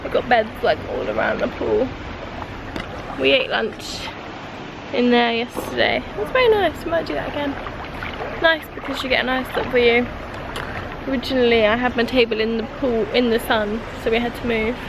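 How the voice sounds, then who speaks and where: A British woman in her twenties, vlogging her honeymoon, chats casually to a handheld camera held at arm's length while by and in an open-air resort pool. Her voice is on the high side, fairly quick and gravelly, and the outdoor holiday audio is noisy.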